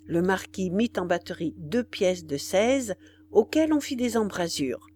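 Brief: female audiobook narrator, dramatic and expressive, mid-pitched with wide swings. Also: measured pace, a little hiss or hum. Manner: dramatic, varied reading.

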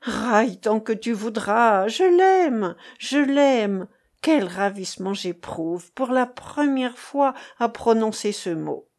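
A woman's voice: medium pitch, takes it slowly, hardly any pauses. A woman voicing a passionate, defiant young woman in love, reading an audiobook in an impassioned, pleading way. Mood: rapturous.

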